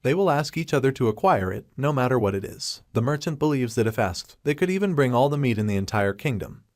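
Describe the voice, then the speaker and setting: A man giving a steady, scripted narration of a story recap. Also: medium pitch, quick pace, no echo, studio quality.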